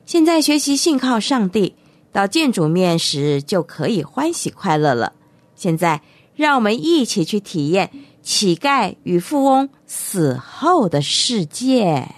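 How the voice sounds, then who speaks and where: A woman narrating a Bible story for children, animated and speaking directly to the young listeners. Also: medium pitch, a little slow, no room sound.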